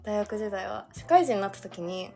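A woman's voice: mid-range voice, animated, moderate pace, gravelly, mellow, soft background music. A young woman in her twenties, a podcast guest telling a rambling, giggly story full of fillers. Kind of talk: casual chat.

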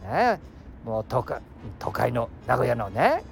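With a creaky mid-range voice whose pitch swoops wildly, a Nagoya-dialect podcast host in his sixties from Aichi, Japan, talks slowly and casually on his own by the seashore. He rambles, chuckles and jumps between topics, and there is a little hiss or hum.

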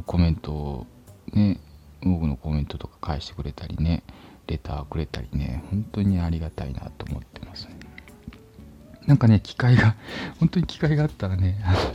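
A man's voice: low-pitched, dark tone. A man hosting a casual solo chat show, rambling with many fillers and sometimes dropping to a whisper. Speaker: podcast host. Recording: dull lo-fi phone recording.

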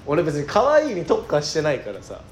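Comedian, teasing straight man, slightly high voice, bouncy pitch, echoey space. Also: huge pitch swings, faint music behind. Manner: teasing, quick retorts. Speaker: comedy duo member, radio co-host. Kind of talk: casual comedy banter.

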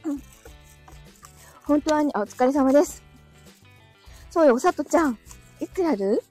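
A woman's voice: high-pitched, animated, measured pace, darkish tone, faint music behind. A woman hosting a casual live audio stream, chatting, reading out listener comments and laughing often, with a dry throat.

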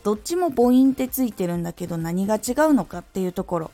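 A woman who used to be a voice actor hosts an audio stream and teaches diction, demonstrating each vowel clearly. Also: mid-range voice, quick pace, soft background music. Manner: lively teacherly delivery with clear articulation demos. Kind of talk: instructional talk on diction.

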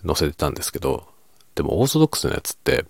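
This video creator and host chats casually late at night in a hushed, sing-song murmur, sometimes drifting into a whisper. His extremely deep voice is low, gravelly and husky with a creaky grain, and he talks at a racing clip. The recording is close and dry.

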